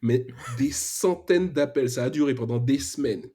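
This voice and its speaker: Speaking with a mid-range, mellow voice that has a breathy edge, a young man from Martinique shares his story at a moderate pace. He's a freelance web developer guesting on a podcast, talking casually with an Antillean French accent, plenty of slang, and frequent hesitations.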